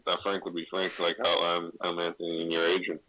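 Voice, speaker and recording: A man's voice: sits low, monotone, quick pace, pushed and bright, no echo, poor audio. A young man in casual chat, telling stories in a laid-back way and swearing freely. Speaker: co-host.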